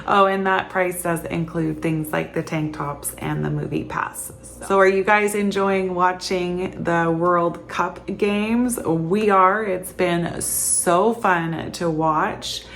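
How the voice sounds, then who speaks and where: A woman's voice: lowish voice, steady tone, takes it slowly, creaky, hardly any pauses, a bit bright, slight background noise. A woman from Canada in her thirties, chatting casually to camera as a vlogger, tired and laughing often.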